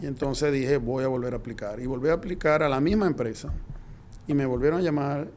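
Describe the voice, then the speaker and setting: A middle-aged man from Venezuela, a guest in an interview, telling his story in a lively way and acting out the dialogue. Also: medium pitch, fairly quick, slight background noise. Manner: lively anecdotal, acts out quoted dialogue.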